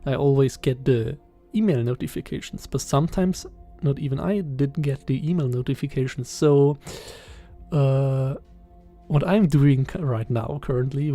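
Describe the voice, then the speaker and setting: Slow, mellow-voiced German-accented young man. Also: medium pitch. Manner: hesitant, halting, with many fillers and soft chuckles. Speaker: channel host. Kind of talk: casual podcast-style voiceover. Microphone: voiceover recorded separately.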